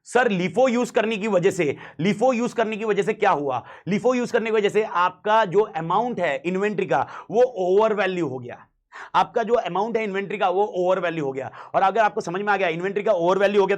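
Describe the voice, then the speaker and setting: A high-voiced Indian man with a slightly hoarse throat teaches an audit class. He is emphatic, drills key phrases again and again, and slips English terms into his Hindi. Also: fairly quick. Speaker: audit lecturer. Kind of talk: classroom lecture.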